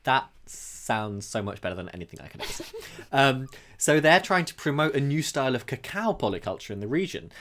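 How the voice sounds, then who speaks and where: Male podcast co-host, average pitch, thoughtful and halting. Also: big pitch swings, fairly bright tone, a little hiss or hum. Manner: thoughtful, often pauses with ums and restarts. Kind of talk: conversational podcast discussion.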